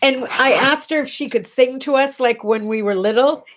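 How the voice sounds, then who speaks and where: A middle-aged woman speaks in a high-sitting, congested, nasal voice at a moderate pace, with slight background noise. She is hosting a casual morning livestream chat from her bedroom at home, speaking directly to her viewers.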